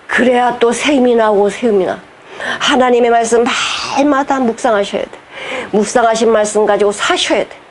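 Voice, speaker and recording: Against slight background noise, a woman pastor with a mid-range voice preaches passionately from the heart. Rhetorical questions pour out toward the congregation as her voice now and then breaks with feeling.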